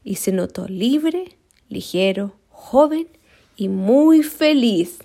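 A woman reading a children's story aloud in an expressive, slow, deliberate way, sometimes stumbling and restarting a word. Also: medium pitch.

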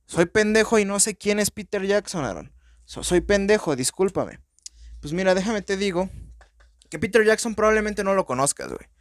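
A man with a Mexican accent hosting a podcast, rambling through a casual, profane, excitable movie-review monologue. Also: high-pitched, moderate pace, dry recording, clean studio sound. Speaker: podcast host.

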